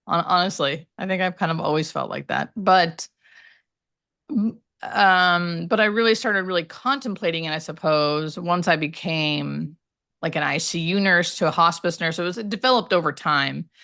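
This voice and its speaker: A woman's voice: fairly low pitch, normal speed, fairly bright tone. A woman talking casually and candidly as a hospice nurse being interviewed, telling personal stories in a rambling way with emphatic asides.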